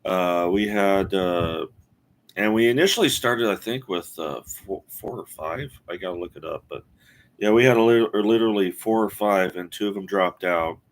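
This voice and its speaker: A man in his forties talks casually to a live-stream audience in a lowish voice. He rambles and stops often, filling gaps with "uh" and "um" and restarting his sentences as he thinks out loud. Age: 40s. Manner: rambling, halting with many fillers and restarts. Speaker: streamer host.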